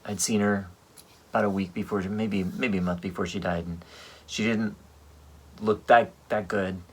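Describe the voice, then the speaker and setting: A composer telling a personal story in a rambling, halting way, full of fillers. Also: male voice, lowish voice, fairly even intonation, breathy edge. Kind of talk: casual storytelling monologue. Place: home livestream at a piano.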